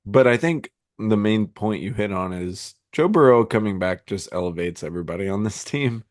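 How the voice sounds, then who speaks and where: Low-voiced guy w hiccups rambling about football, lots of ums, dry close mic. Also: lively intonation, moderate pace, no echo. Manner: rambling, filler-heavy, frequent restarts. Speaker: podcast co-host. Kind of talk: casual fantasy football chat.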